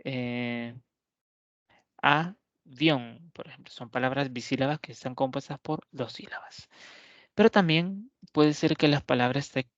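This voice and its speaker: A man teaching a grammar lesson to camera, unhurried, with many fillers and self-corrections. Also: medium pitch, no echo, dull audio.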